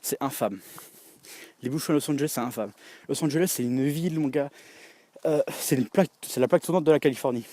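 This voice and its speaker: A young man from France talks straight to his viewers in a loose, rambling vlog chat. He restarts sentences, fills gaps with hesitations and keeps slipping in little laughs. His pitch sits in the middle for a man. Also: fast talker, pauses often, warm tone, no room sound. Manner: rambling, full of fillers and restarts, addresses the viewer directly; laughs often while talking. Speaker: vlogger. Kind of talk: casual chat to camera.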